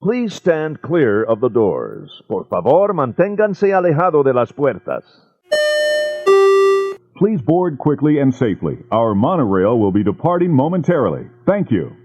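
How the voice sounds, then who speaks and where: A man giving a calm, measured recorded public-address announcement to boarding passengers. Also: medium pitch. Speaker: transit announcer. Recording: tinny lo-fi clip with clear music. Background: music.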